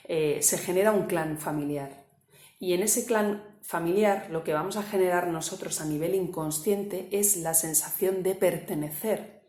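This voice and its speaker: A woman coach, calmly explaining a topic with examples and often checking with the listener. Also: low voice, echoey room. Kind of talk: explanatory talk to camera.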